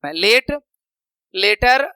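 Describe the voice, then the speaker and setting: A man teaching a grammar lesson, patiently explaining slides and slowly repeating example words. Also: high-pitched, lively intonation, bright, forceful tone, clear, resonant tone, dry recording, poor audio.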